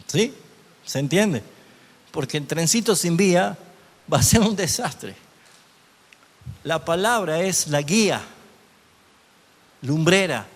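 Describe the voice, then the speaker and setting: A man teaching a Bible class as a pastor, often asking his listeners questions. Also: fairly high pitch. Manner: asks the audience rhetorical questions. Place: church hall. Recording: long hall reverb.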